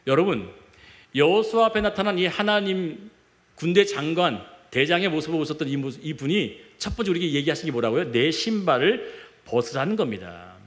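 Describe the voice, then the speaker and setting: A man's voice: a little high, expressive, fairly quick, fairly bright tone, echoey room. A male pastor preaching a sermon, telling a childhood story and asking the congregation questions. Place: church sanctuary.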